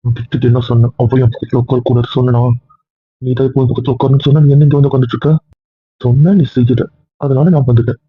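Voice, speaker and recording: A man acting as a stern, lecturing young man in a homemade family drama, rattling off his words at a rapid clip. His voice is husky and dry, and the sound is thin and tinny, like a phone line. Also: medium pitch, flat delivery, no echo, close to an everyday voice. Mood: defiant teasing. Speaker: actor in a family comedy-drama skit. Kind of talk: casual web-series acting.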